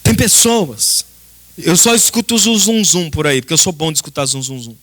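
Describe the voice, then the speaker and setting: During a church service, a Brazilian pastor speaks at normal speed in a slightly high, somewhat bright voice. His impassioned sermon is emphatic and dramatic, with lots of repetition and direct address to those gathered.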